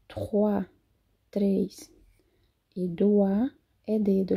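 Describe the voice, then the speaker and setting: A Portuguese-speaking woman teaching French pronunciation, saying each word slowly and then translating it. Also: mid-range voice, dark tone, breathy edge. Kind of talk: slow phonetics lesson. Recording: dull lo-fi sound.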